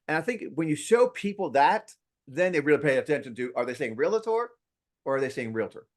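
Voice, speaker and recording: A man who teaches real estate, talking in an interview with a lively, playful, emphatic manner from his home. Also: a little high, fast. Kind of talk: interview conversation. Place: at home near an outdoor deck.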